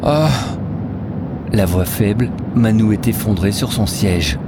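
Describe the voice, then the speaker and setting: A man narrating a story in a steady, descriptive way. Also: lowish voice, normal speed, heavy background noise. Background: music.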